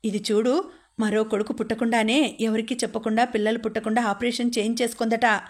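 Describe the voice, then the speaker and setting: A domineering old mother-in-law from an audiobook, scolding in a fairly flat, even-pitched voice, as a woman reader puts her on. She barks out demands and complaints with little rise and fall. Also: fairly quick, natural voice. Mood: shouting. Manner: scolding, shouting. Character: sharp-tongued older mother-in-law, domineering.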